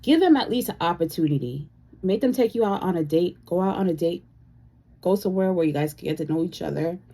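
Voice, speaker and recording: Relaxed, mellow-voiced woman chatting. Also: on the low side, brisk. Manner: relaxed, chatty, many "you know" fillers. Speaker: beauty vlogger. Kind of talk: casual chat during a makeup tutorial.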